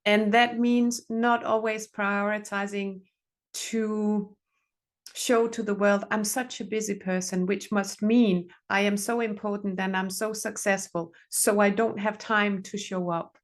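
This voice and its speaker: Her voice sits in the mid-range, steady in tone and slightly slow. She is a middle-aged Danish relationship therapist guesting on a podcast, giving sincere advice conversationally and repeating phrases for weight.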